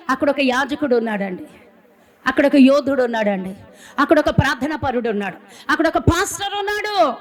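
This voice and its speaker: Woman preaching in a church, high voice, keeps repeating lines and firing questions at the room. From India. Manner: repetitive, rhetorical questions, emphatic. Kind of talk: sermon.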